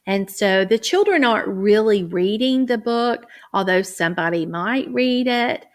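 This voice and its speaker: A woman reading teacher explaining guided reading, slipping into a bright, exaggerated voice when she models talk with young children. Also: medium pitch, expressive. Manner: careful, deliberate phrasing. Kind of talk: teacher training demonstration.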